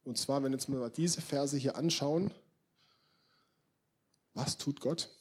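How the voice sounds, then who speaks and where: Husky young man preaching a sermon. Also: mid-range voice, slow pace. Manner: casual, swings from loud emphatic outbursts to quiet intense murmurs; addresses the congregation directly.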